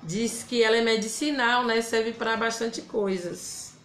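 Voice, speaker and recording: A Bahian woman speaks unhurriedly in a voice on the high side, with a Bahian Brazilian Portuguese accent. She hosts a relaxed live craft demonstration, chatty as she greets viewers by name and reads their comments. The room adds a roomy echo.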